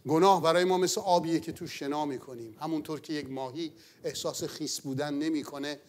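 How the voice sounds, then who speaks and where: A man preaching a sermon in an earnest manner, rising to loud exclamations and then falling to near-whispers. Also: a little high, fairly even intonation. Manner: earnest, swells loud then drops to a hush.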